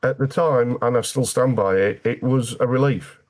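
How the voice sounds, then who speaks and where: A man's voice: mid-range voice, moderate pace. A British man speaking as an interview guest, telling his personal story candidly in a plain-spoken way with dry, wry humour.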